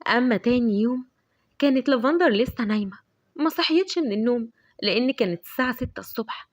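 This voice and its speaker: Fast, high-voiced Egyptian woman storyteller. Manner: lively, brisk storytelling. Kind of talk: storytelling narration.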